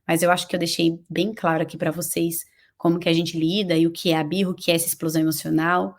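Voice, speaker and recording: A woman's voice: fairly low pitch, flat delivery, quick pace. A woman in her thirties with a Brazilian Portuguese accent, a parenting educator hosting a live stream who speaks earnestly and repeats phrases for emphasis. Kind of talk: heartfelt live-stream talk with course pitch.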